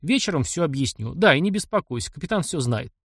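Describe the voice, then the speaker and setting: Man reading a brisk, decisive young man. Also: on the high side, expressive, husky, no room sound, studio quality. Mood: firm. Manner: brisk, plain-spoken. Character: young man, decisive and kind, gives orders.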